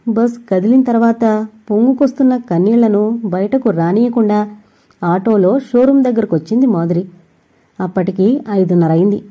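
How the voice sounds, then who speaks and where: A woman narrating an audio novel in a steady, scripted storytelling reading. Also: medium pitch, moderate pace, breathy edge, highs cut off.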